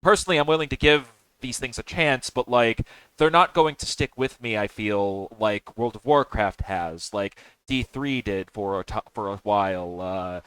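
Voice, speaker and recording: Man, podcast chat, halting speech, smooth resonant voice, dry close sound. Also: on the low side, fairly bright tone, dry recording. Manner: halting, many restarts and fillers, laughs often. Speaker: podcast host.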